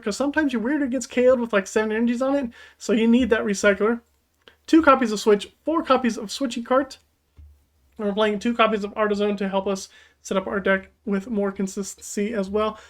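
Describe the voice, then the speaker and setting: A woman giving casual commentary on her card game deck, chatty and thinking aloud as she plays. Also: fairly high pitch. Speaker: gaming YouTuber. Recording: faint background music.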